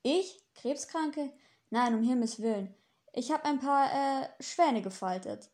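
A woman voicing a gentle, well-meaning male angel in an audiobook, earnest and primly polite. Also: high-pitched, lively intonation, slow. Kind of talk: audiobook character reading.

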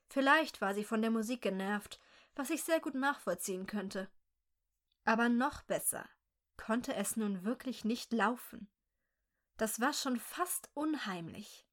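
A woman reading a dark first-person story aloud in a slow, measured, quietly tense way. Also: mid-range voice.

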